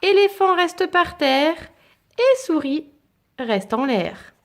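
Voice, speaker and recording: Woman, higher voice, reading a children's story aloud, lilting, expressive, dramatic pauses.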